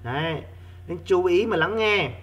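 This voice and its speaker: A male primary school teacher giving an online reading lesson, repeating key words slowly for his pupils. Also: sits high, animated, a bit bright, lo-fi sound.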